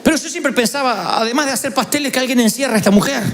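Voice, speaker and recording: A man's voice: very high voice, very fast, a little hiss or hum. A man with an Argentine accent preaching a sermon, trading humorous stories for earnest points. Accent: Argentine Spanish. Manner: storytelling, humorous and earnest by turns.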